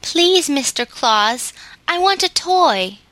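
A woman's voice: high voice, lively intonation, unhurried, bright, forceful tone, no room sound, voice pushed up, exaggerated voice. A woman voicing a pleading, earnest little girl in a storybook reading.

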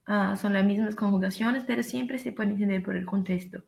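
A woman's voice: medium pitch, fairly even intonation, gravelly, darkish tone, rough recording. A woman explaining German grammar in a casual lesson, hesitant and full of fillers. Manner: slow, hesitant, many fillers. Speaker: German teacher.

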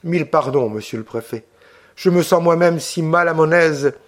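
Troubled young brother, gently reproachful, read by the narrator, slightly high voice. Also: male voice, moderate pace, natural voice. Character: troubled young male officer, torn and reproachful.

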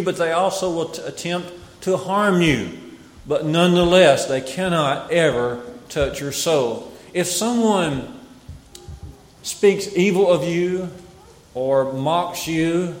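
A man delivering a Bible sermon in a measured, emphatic way, often repeating key phrases. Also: fairly high pitch. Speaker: preacher. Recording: echoey hall with long reverb.

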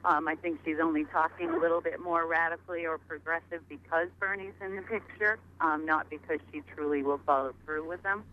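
A woman's voice: deep voice, steady tone, a little fast, hardly any pauses. Opinionated woman caller on a muffled line. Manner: direct and opinionated. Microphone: telephone. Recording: muffled phone line with faint noise.

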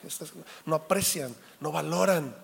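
A man, preaching a sermon as pastor in a jokey, animated way, acting out little quotes. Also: on the high side, moderate pace, creaky, breathy edge. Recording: reverberant hall.

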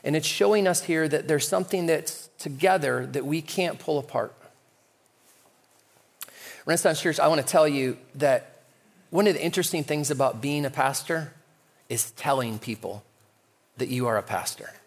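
A man's voice: a little high, moderate pace, long pauses. A male pastor preaching a sermon in a conversational way, with light humor.

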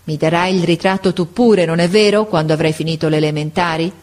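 Ailing old schoolmaster, affectionate and sighing, in a storybook reading read by a woman, lowish voice. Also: fairly even intonation, fairly quick, a little mellow, close to an everyday voice. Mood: tender. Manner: tender, sighing, encouraging. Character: sick old male schoolteacher, affectionate and weary.

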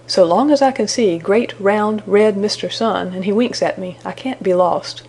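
A woman's voice: mid-range voice, normal speed, a little mellow, a little hiss or hum, natural voice. A woman voicing a stubborn young male woodchuck musing to himself in a storybook. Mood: confident.

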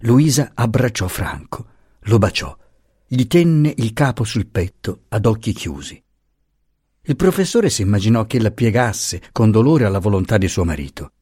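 Low, husky male audiobook narrator. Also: big pitch swings, moderate pace, mellow, no room sound, studio quality. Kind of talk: scripted narration of a novel.

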